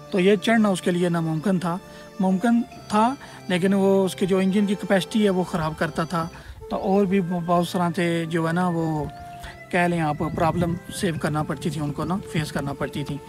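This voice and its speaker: High-voiced man giving an outdoor tour. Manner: explanatory, rambling with many hesitation fillers; louder and more energetic while walking through the brush. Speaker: travel vlogger. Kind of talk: casual tour-guide vlog. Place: outdoors in open scrubland by an old stone bridge.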